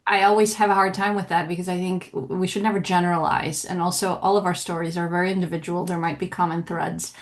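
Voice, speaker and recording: Woman, low-ish voice, podcast co-host, reflective, measured casual chat. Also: level tone.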